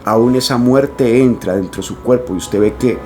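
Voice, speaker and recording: Male preacher, mid-pitched voice, earnest warning delivery, faint music underneath. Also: normal speed. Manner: earnest, warning tone, addresses parents directly. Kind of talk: preaching to camera.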